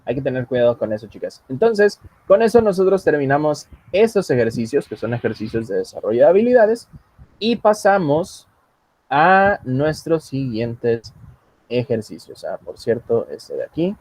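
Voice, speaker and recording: Husky male teacher on a video call, patient and joking with students. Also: mid-range voice, very animated, moderate pace, a little mellow. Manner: patient, joking asides, switches between English and Spanish. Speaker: English teacher. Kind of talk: online class, bilingual teaching. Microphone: computer mic on a video call.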